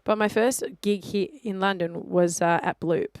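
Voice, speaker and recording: A woman with an Australian accent, a DJ talking easily as a guest in a radio studio, chatty and filling pauses with ums. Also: fairly low pitch, steady tone, a little hiss or hum. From Melbourne, Australia. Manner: chatty, easygoing, many ums and uhs. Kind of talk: casual radio interview.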